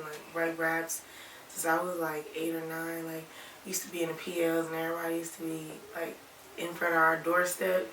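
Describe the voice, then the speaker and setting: Young woman, casual interview chat, rambling, bright tone, low voice, echoey room, mic at a distance. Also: a little hiss or hum. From Alabama, raised in Toledo, Ohio. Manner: relaxed, rambling, many "like" fillers. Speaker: rapper and singer, interview guest.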